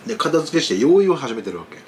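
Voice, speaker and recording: A man's voice: on the high side, very animated, quick pace, a little hiss or hum. A man vlogging about food, chatting casually while eating and telling a rambling story with many asides.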